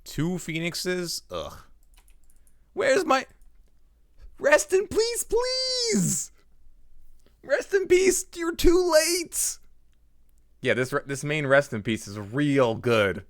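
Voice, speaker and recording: A man's voice: sits high, huge pitch swings, very slow, long pauses, no echo, studio quality. A man livestreaming, chatting through a headset mic as he plays and reacts aloud to his game and his chat. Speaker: livestreamer and card game player. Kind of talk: live gameplay commentary.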